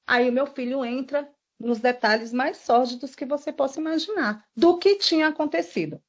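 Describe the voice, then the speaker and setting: Brief: woman, high voice, testifying, emotional rushed retelling, dull lo-fi audio. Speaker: witness giving testimony. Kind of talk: recounting events in a formal statement. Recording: dull lo-fi recording.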